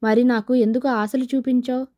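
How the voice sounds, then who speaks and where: A woman's voice: on the high side, little pitch movement, brisk, warm tone, lightly acted. A woman voicing a spurned young man who talks in a pleading, sarcastic way. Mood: bitter.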